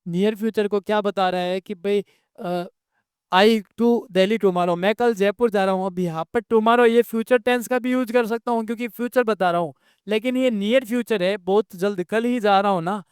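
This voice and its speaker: A man teaching a grammar lesson, explaining step by step, asking questions and answering them himself, and dictating example sentences slowly. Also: sits high, darkish tone, clean tone, dry recording, studio quality.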